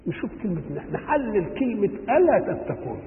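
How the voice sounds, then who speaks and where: A man with an Egyptian Arabic accent teaches scripture in a high, gravelly voice. He poses questions to his listeners and answers them himself. The sound is tinny and phone-like, with a long echo from a big hall. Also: huge pitch swings, fairly quick, slight background noise. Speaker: Quran teacher. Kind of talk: explaining scripture to an audience.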